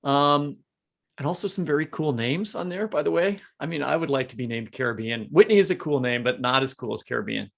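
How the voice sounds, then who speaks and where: A man with a mid-range, gravelly voice talks a little fast as co-host of a literary podcast. He chats casually and reads out a list of award nominees, tossing in small asides.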